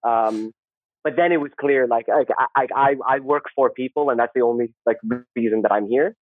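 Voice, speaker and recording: Male interview guest, conversational and halting with repeated phrases, close dry sound with limited bandwidth. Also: medium pitch, no echo, narrow, tinny audio. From Saudi Arabia. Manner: rambling, halting, repeats words and phrases, often tags "right?". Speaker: podcast guest, social worker. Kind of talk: casual interview, personal storytelling.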